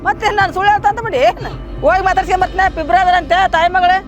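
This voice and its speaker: A woman's voice: extremely high pitch, fairly even intonation, very fast, music in the background. A woman playing a gossiping old village grandmother, insistent, with a North Karnataka Kannada accent. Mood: gossipy. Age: older. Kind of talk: short film acting.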